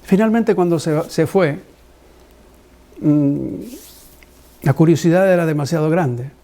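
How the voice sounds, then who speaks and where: A man preaching a sermon, a pastor who tells a personal story with lively acted-out dialogue and frequent restarts. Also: fairly high pitch, takes it slowly.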